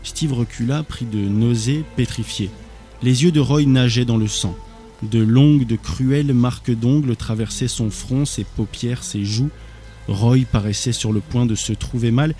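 Mellow-voiced male story narrator. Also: mid-range voice, measured pace, soft background music. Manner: steady storytelling with small slips. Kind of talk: audiobook reading of a thriller.

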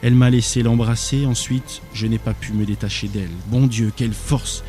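A man's voice: mid-range voice, fairly even intonation, normal speed, warm tone, faint music behind, natural voice. A man voicing a terrified wounded young man who has been clawed and blinded, pleading frantically. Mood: frantic.

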